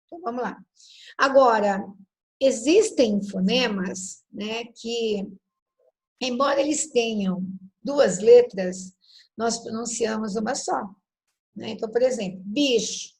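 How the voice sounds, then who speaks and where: A woman teaches a class in a slightly high voice. She is patient and didactic, tags her sentences with quick questions to the class, and slows down to spell out letters. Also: creaky, darkish tone, low-quality recording. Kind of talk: classroom lecture on phonology.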